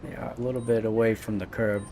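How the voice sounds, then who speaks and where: Casting: male gaming host, casual play-by-play, soft dark tone, light vehicle ambience underneath. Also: medium pitch, little pitch movement, fast, gravelly, slight background noise. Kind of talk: casual let's-play commentary.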